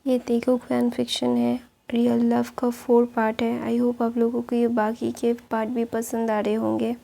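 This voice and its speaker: A woman with a sore throat retelling a story in a slow, effortful, casual way as the channel host. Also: on the high side, completely flat delivery, creaky, mellow.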